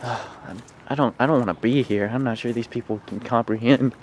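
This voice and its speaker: A young man chatting casually on a walk outdoors, making dry, deadpan jokes. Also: mid-range voice, brisk, a little hiss or hum. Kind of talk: casual chat while walking. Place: outdoors on a city street at night.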